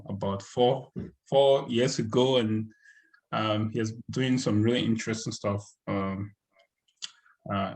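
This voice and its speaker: Lower-voiced male podcast host. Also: rough recording. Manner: warm, hesitant, many fillers. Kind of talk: casual interview.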